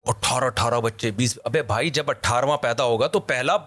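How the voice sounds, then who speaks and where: A man from Pakistan holds forth in a relaxed discussion with the energy of a born storyteller. His voice sits at an ordinary middle pitch, and he presses his points emphatically, laughing easily as he goes. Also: normal speed. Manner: animated, emphatic storyteller who laughs often. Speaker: vlogger. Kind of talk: casual discussion.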